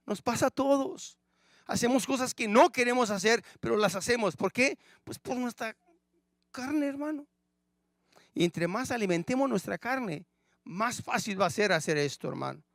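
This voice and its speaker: A man with a high-pitched voice preaching a sermon, heard close and dry with little room sound. He keeps turning to the congregation with rhetorical questions and calls them brother. He swings between loud, emphatic declarations and hushed, low asides. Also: animated, moderate pace, vocal fry, no echo. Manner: addresses listeners as brother, frequent rhetorical questions. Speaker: pastor.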